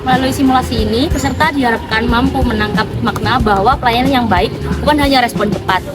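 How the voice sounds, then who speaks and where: A woman's voice: a little high, fast, over loud music. A woman delivering scripted narration in formal wording.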